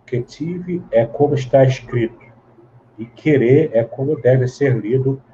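Give me a man with a very warm, dark voice giving a teacherly interview answer, recorded with dull lo-fi sound. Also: medium pitch, unhurried. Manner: teacherly, long explanations with frequent tag questions and restarts. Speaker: guest Bible scholar. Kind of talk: casual interview explanation. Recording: dull lo-fi sound with faint hiss.

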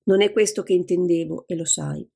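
A woman with a gravelly, husky voice voicing a calm, knowing man in an audiobook. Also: on the low side, a little fast. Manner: calm, pointed.

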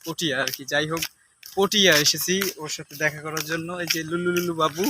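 A man's voice: a little high, fairly even intonation, fast talker. A man chatting casually to vlog viewers and the people with him. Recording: clear background noise with clicks.

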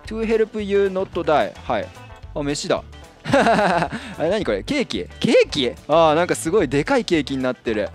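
Excitable man doing Minecraft commentary. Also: a little high, moderate pace, soft background music. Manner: excitable, yelps and laughs when startled. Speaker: Minecraft let's-play host. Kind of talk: casual gameplay commentary.

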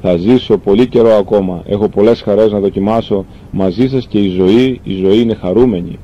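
A man reading as a gentle dying young man. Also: close to an everyday voice. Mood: tender. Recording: dull lo-fi recording with faint rumble.

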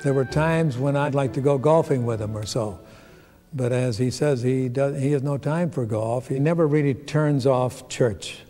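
Mellow-voiced man in a roomy space. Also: medium pitch, moderate pace, faint music behind. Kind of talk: interview recollection.

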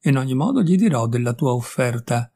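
A man's voice: mid-range voice, big pitch swings, brisk, dark tone, breathy edge. A man voicing a witty, worldly young male painter in an audiobook, speaking in a breezy, teasing way. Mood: amused. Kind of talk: audiobook character voice.

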